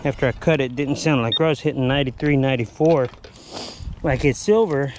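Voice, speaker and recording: Speaking fairly quickly in a medium-pitched, darkish voice, a man from Texas narrates casually while digging for finds with a metal detector in a humid field. He's breathing hard and rambling with filler words over slight background noise.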